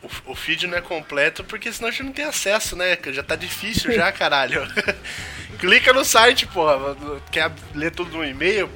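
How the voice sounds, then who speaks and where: A young man with a Brazilian accent, joking and swearing loudly in a casual podcast chat. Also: high-pitched, very animated, normal speed, faint music behind. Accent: Brazilian Portuguese. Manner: swears a lot, jokey, loud outbursts. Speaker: podcast co-host, game reviewer.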